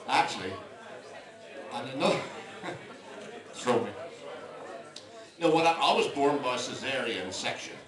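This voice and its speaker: A man's voice: medium pitch, animated, slow, pauses often. Older Englishman telling jokes live. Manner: chatty, dry one-liners, rambling asides. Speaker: stand-up comedian. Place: live comedy venue. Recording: echoey club, mic at a distance, loud crowd. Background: audience laughter.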